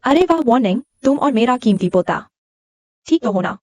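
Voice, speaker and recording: A woman's voice: on the high side, expressive, normal speed, a little mellow, no echo, clean studio sound. A woman voicing a doting wealthy grandmother in a dubbed drama, eager and fussy.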